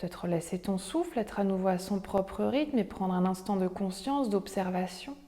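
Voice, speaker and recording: A woman leading a guided breathing meditation in a soft, breathy, near-whispered voice, with soothing, measured instructions. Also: medium pitch, lively intonation. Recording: long hall-like reverb.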